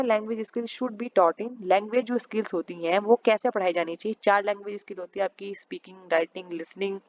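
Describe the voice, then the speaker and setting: A woman teacher giving a recorded exam-prep lesson, reading each question out slowly and then explaining it briskly, recorded at home. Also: mid-range voice, muffled recording. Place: home, festival firecrackers outside.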